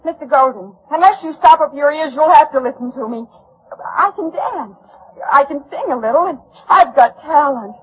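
A woman's voice: high-pitched, moderate pace, fairly bright tone. An actress playing an earnest, stubborn young woman who longs for the stage, pleading and insistent in 1940s radio style. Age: young adult. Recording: muffled old radio recording.

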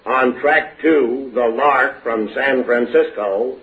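A deadpan station announcer over a loudspeaker. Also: male voice, medium pitch. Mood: formal. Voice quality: deadpan, measured announcing cadence. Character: formal male train station announcer. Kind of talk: 1940s radio comedy acting. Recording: muffled old radio broadcast.

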